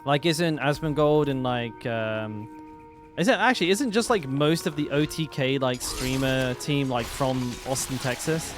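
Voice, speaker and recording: A man with a mid-range voice streams a game, chatting unhurriedly and rambling with plenty of fillers. Game music plays behind his casual commentary.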